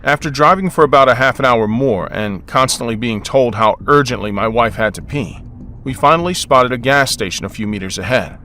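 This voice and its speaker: A man's voice: mid-range voice, brisk, pushed and bright. A young man narrating a first-person story as a harried father, with a wry, exasperated, joking manner.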